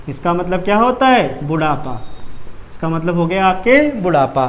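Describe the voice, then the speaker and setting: A male teacher giving an exam-prep grammar lesson at a board, asking questions and answering them himself. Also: high voice.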